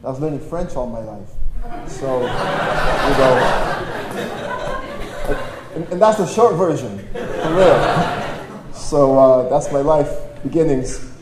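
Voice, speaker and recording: A jokey priest, born in Poland with Polish as his first language and now from Toronto, Canada, preaches an informal personal testimony to young adults. His mid-range male voice is animated but slow, with frequent pauses, and his manner is conversational, self-deprecating and slangy. A stage microphone feeds the PA in a large, echoey hall at a live gathering, with faint noise.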